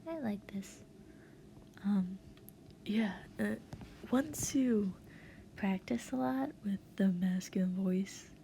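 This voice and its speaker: A woman gives a casual voice acting tutorial as an online video creator, in a voiceover recorded to accompany a speed paint. Her mid-range voice is gravelly yet mellow, with slight background noise. She rambles in a hesitant, giggly, self-deprecating way.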